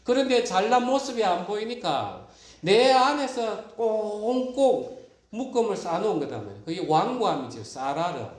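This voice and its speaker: A man's voice: sits high, big pitch swings, moderate pace, reverberant. A man preaching a sermon as pastor, acting out quoted prayers and pleas with lots of animation. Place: church sanctuary.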